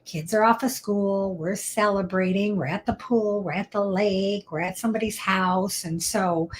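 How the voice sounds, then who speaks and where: Upbeat, talkative woman lawyer hosting a live stream; casual, chatty delivery. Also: mid-range voice. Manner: chatty, upbeat and talkative, drops into whispered asides. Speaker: attorney hosting a live legal Q&A show.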